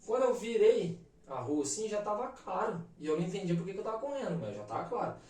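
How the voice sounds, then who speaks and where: A Brazilian man in his thirties, a podcast guest, telling a personal story in an animated, emphatic way full of slang fillers. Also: high-pitched, quick pace. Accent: Brazilian Portuguese. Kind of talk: casual storytelling. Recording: roomy echo, mic at a distance.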